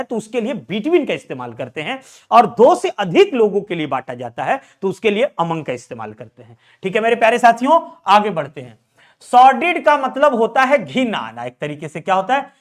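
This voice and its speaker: A young male teacher runs an exam prep lesson in a very high voice. He drills vocabulary by asking his students questions and answering them himself, over and over. He calls his students "my children" as he goes. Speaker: English teacher.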